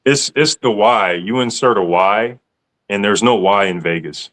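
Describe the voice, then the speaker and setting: A man's voice: fairly low pitch, unhurried, a bit bright. A man hosting a casual podcast, teasing his guests in a playful, slangy way. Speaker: podcast host. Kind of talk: casual chat.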